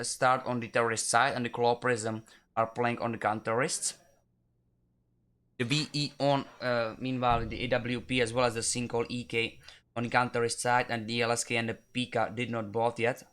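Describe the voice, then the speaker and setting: A man calling a live esports match in steady play-by-play, often correcting himself mid-sentence. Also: medium pitch. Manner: steady running commentary with frequent self-corrections. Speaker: esports caster. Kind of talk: live play-by-play game commentary.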